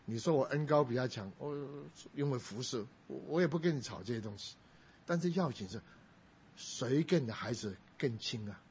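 A man's voice: mid-range voice, animated, normal speed, a little mellow, a little hiss or hum. A middle-aged male pastor preaching a sermon, telling a family story and raising his voice when he quotes people. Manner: storytelling, quoting others in a raised voice. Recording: dull lo-fi recording.

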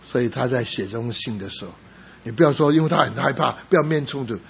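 A middle-aged man preaching a sermon as a pastor, telling a personal story with rising emphasis and sudden soft drops. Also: medium pitch, lively intonation, fast talker, creaky. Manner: emotional storytelling, rising to loud emphasis then dropping soft. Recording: slightly dull recording with faint background noise.

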